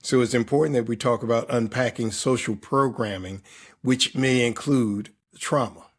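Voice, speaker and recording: A man's voice: medium pitch, steady tone, normal speed. A man in his fifties or older, a performance coach answering interview questions in an emphatic, reflective way, stacking repeated words in lists.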